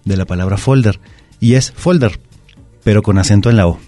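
Un hombre con acento mexicano, invitado experto en lengua, que explica reglas de ortografía en la radio con calma y tono didáctico. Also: male voice, lowish voice, fairly quick, dry recording, soft background music. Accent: Mexican Spanish. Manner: patient, didactic. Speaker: language expert guest. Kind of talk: explaining spelling rules on radio. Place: radio booth. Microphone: studio microphone.

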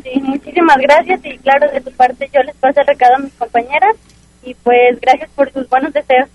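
A woman's voice: sits high, fairly even intonation, fairly quick, dry recording, narrow, tinny audio. A Mexican woman in her twenties, a football player giving brief, polite answers in a phone interview. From Jalisco, Mexico. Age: 20s.

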